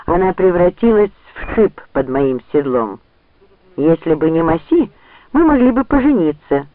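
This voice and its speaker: A man's voice: a little high, very animated, moderate pace, no room sound, voice pushed up. A man reading as a smug scheming young nobleman. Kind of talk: audiobook character reading. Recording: dry, tinny phone-like sound.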